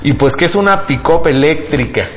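On the high side and animated, a middle-aged man with a Mexican accent hosts a laid-back tech news chat at moderate speed. Background music plays as he talks colloquially and keeps appending tag questions looking for agreement.

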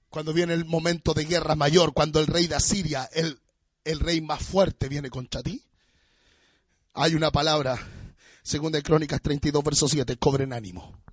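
A pastor, preaching a sermon with impassioned, often shouted, sung-out phrases. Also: male voice, fairly high pitch, no room sound, clean studio sound. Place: church.

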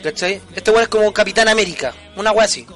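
A young Chilean podcast co-host spins rapid, slangy stories in casual chat, acting out voices, with a Chilean Spanish accent. His voice is high, with faint music behind it.

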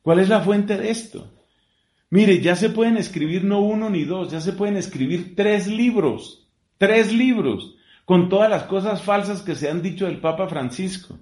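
A priest with a lively, preacherly way of speaking, answering questions in a talk. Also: male voice, high-pitched, unhurried, echoey room. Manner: animated, preacherly, lively emphasis.

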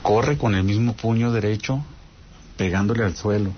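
Low-voiced Mexican man telling a ghost story. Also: normal speed, highs cut off, background noise. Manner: talks straight to listeners with frequent "¿no?" check-ins. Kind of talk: casual spoken ghost story.

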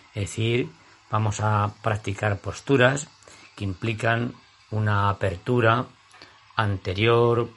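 A man with a Castilian accent from Spain guides a yoga class as the teacher, in a soothing, unhurried, deliberate way with pauses between phrases. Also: lowish voice, slight background noise.

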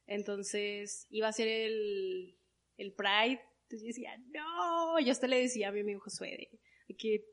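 Una mujer joven con acento mexicano cuenta de forma animada una historia personal en una entrevista e imita las voces de otras personas. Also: female voice, mid-range voice, a little slow. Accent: Mexican Spanish. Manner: animated, acts out quoted voices. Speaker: guest. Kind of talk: personal storytelling.

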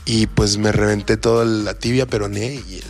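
A man's voice: fairly low pitch, flat delivery, moderate pace, gravelly, soft background music. A Mexican man guesting on a podcast, chatting casually with dry, teasing humor. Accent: Mexican Spanish. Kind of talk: casual interview chat.

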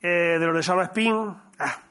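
A man's voice: high voice, steady tone, measured pace, bright, forceful tone. A man, co-hosting a live talk show in a theater. He jokes, rambles, and often trails off mid-sentence. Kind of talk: casual banter on a live show. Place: theater stage with a live audience.

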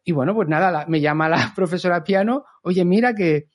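High-voiced chatty man. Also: fast. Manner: lively, chatty, acts out quotes. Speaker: communicator and trainer. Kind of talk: podcast storytelling talk.

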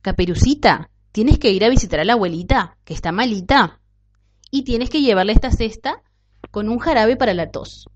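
A woman voicing a gentle, cautious mother giving her daughter a warning in a storybook tale. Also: on the high side, lively intonation, moderate pace. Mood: caring. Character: kindly, cautious young mother. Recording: dull lo-fi recording.

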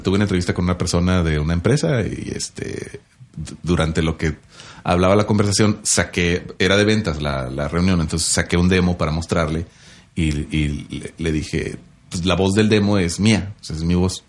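A man's voice: deep voice, normal speed. A young man from northern Mexico with a northern Mexican accent, a voice-over announcer co-hosting a podcast in casual, joking chat. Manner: relaxed, joking, laughs often.

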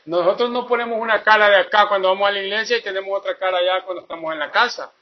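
A high-voiced man preaches a loose, folksy sermon, drifting into jokes and asides and checking in with his listeners again and again. The recording sounds dull and lo-fi. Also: racing. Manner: folksy, tells jokes, keeps asking "¿verdad?".

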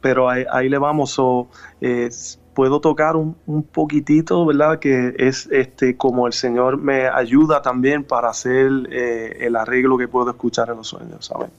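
A man in his thirties from Puerto Rico with a Puerto Rican Spanish accent, a gospel musician speaking haltingly with many fillers in a radio interview. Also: medium pitch, little pitch movement, muffled recording. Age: 30s. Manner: hesitant, many fillers and restarts.

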